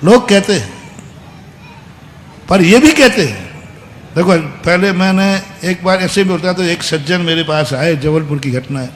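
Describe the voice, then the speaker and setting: A man with a high voice delivers a sermon, moving between hushed, confiding asides and loud, emphatic bursts as he tells a story. His voice carries a long reverb from a large hall, with a faint hum underneath. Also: expressive, measured pace, long pauses. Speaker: Jain monk giving a discourse.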